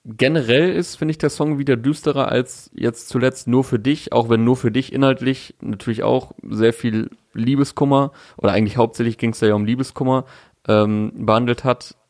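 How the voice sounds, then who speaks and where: A young podcast co-host chats casually about a music release, thoughtful and full of fillers and restarts. His mid-range voice has fairly even intonation, normal speed, and a darkish tone, recorded at studio quality with no room sound.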